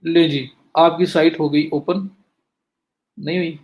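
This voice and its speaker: A man teaching a live online class, walking students through each click step by step and saying he is speaking fast to cover more, in with a flavour. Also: a little high, steady tone, darkish tone. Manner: talks students through clicks step by step, addresses them directly. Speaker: digital marketing instructor. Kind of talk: live screen-share lecture.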